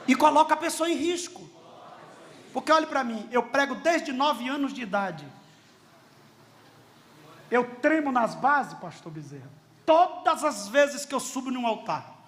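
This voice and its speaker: A middle-aged man with a Brazilian Portuguese accent preaching a sermon as a pastor, telling stories with dialogue and rising to shouts. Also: extremely high pitch. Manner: animated, shouting at peaks, storytelling with dialogue.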